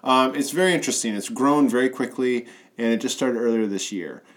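A man's voice: medium pitch, brisk, a bit bright. A man hosting his own podcast, introducing an interview and asking questions in a casual way full of fillers. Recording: music bed under the intro.

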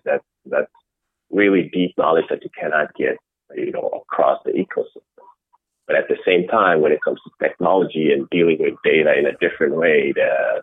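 Deep husky Dutch-raised man on a tinny line. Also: dry recording. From Netherlands. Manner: measured, with frequent restarts and fillers. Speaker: interview guest, innovation executive. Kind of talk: conversational interview answers. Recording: dry, tinny phone-like call audio.

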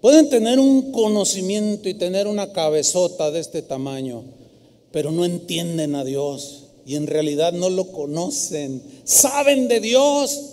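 A man with a Mexican accent preaching a sermon in an animated, humorous and scolding manner. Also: sits high, in a large hall. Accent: Mexican Spanish. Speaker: pastor. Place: church.

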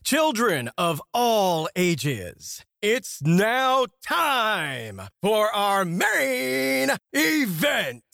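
A man voicing a grand ringmaster-style wrestling announcer in a booming, drawn-out delivery for a podcast intro. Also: sharp tone, full character voice. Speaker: ring announcer. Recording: produced intro over guitar music.

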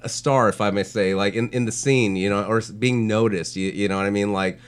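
This podcast co-host, a street art blogger, rambles through a casual chat in slang, full of "like" and "you know." His voice sits on the low side, steady, fairly quick, clear and resonant.

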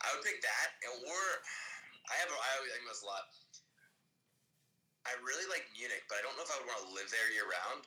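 A man's voice: medium pitch, lively intonation, fast, long pauses, pushed and bright, poor audio. A young man co-hosting a podcast in casual conversation with a friend. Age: young adult. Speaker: podcast co-host. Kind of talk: casual chat between friends.

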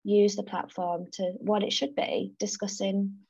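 Her medium-pitched voice is creaky, mellow and slightly rough, with little pitch movement and a measured pace, on a muffled recording with no room sound. She's in her thirties, raised in South Africa and North East England, and as a podcast guest in a casual interview she is chatty, laughs easily and restarts often.

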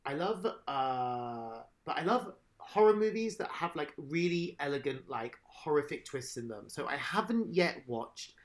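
A man in casual podcast chat, rambling and animated, swearing now and then. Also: a little high, unhurried, hardly any pauses.

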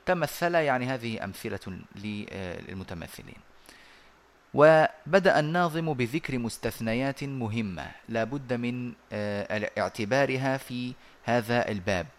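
Male recitation teacher on a voice call, mid-pitched voice, halting explanations with pauses, chants quoted verses. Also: expressive. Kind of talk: online lesson explanation. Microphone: online voice call.

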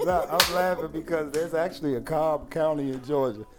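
A man on a podcast, joking with crude, animated banter in casual group chat. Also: fairly high pitch, moderate pace. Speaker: podcast regular.

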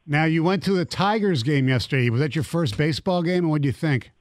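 A male radio co-host with a somewhat high voice asks a caller about his life. He starts in halting bits and restates his questions. His mic sounds close and dry. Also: dry recording. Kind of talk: radio interview.

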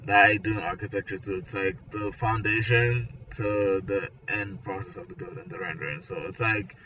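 At a normal pace, a Nigerian architecture graduate in his twenties talks casually with peers about where he comes from and his creative work, his lowish voice bright and his sentences dotted with "like" and "you know." The audio comes from a distant mic, muffled and surrounded by noisy ambience.

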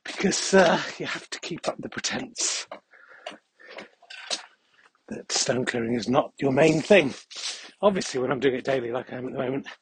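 A man's voice: medium pitch, expressive, moderate pace, long pauses, a little hiss or hum. A man hosting a podcast as a casual, rambling monologue while walking outdoors on a country path. He is out of breath and adds dry, jokey asides. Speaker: podcast host.

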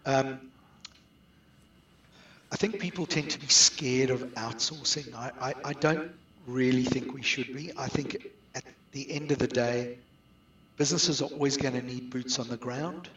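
Speaking unhurriedly, a middle-aged man with a South African accent fields interview questions as a business guest specializing in outsourcing. His voice sits at medium pitch and is a bit bright, but the recording is muffled, roomy and echoey, with him far from the microphone.

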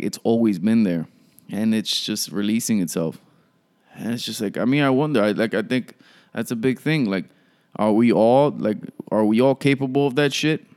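A man's voice: fairly low pitch, darkish tone. A young man, ranting casually and profanely as a podcast host, full of "like" and "yo.". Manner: profane, rambling, frequent "like" and "yo".

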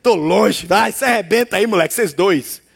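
A man voicing a grumpy, put-upon middle-aged man who wants no trouble, speaking in a gruff, dismissive mutter. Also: high-pitched, normal speed, voice pushed down, full character voice.

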